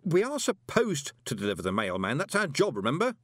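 A man's voice: a little high, wildly swooping pitch, a little fast, fairly bright tone, no echo, pitched above the performer's own voice, heavily acted. Male narrator as young man, flustered and stammering, dry recording. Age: young adult.

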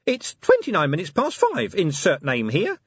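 A man's voice: high voice, huge pitch swings, moderate pace, fairly bright tone, husky, no echo, lo-fi sound, pitched above the performer's own voice, exaggerated voice. A man voicing a tiny, nervous male imp that lives inside a pocket gadget and announces the time.

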